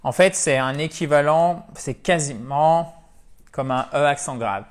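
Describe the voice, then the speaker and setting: A French-speaking man teaching English pronunciation in an online lesson, explaining slowly and repeating each word several times as a drill. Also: on the high side.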